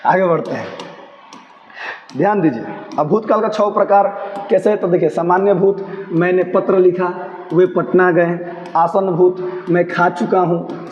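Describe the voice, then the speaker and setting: A man teaching grammar, his voice high and playful. He often answers his own questions. The sound is roomy with a long reverb and a dull, lo-fi edge. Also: a little hiss or hum. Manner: playful, asks himself questions in a higher voice. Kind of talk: grammar lesson for students. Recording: echoey room, dull lo-fi sound.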